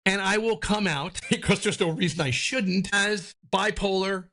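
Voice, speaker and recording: A man's voice: sits high, steady tone, normal speed, fairly bright tone. A man from New Jersey, a podcast guest talking candidly in a loose, rambling way, swearing freely. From New Jersey, United States. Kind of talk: candid conversational interview.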